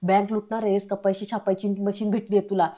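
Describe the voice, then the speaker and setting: Heated young man as a woman reads him, accusing, flat even delivery, mellow tone. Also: mid-range voice, fairly quick, natural voice. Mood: angry. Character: angry young man demanding his money back.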